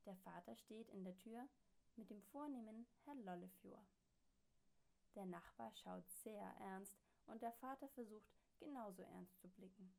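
Gravelly woman reading a bedtime story. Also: medium pitch, a little slow. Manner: calm, gentle storytelling. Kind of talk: reading a children's story aloud.

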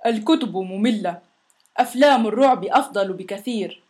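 A woman's voice: mid-range voice, normal speed, natural voice. A woman voicing a big, sulky, sick male monster in a storybook reading, whiny and complaining. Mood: grumbling. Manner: whiny and complaining, loud when shouting demands.

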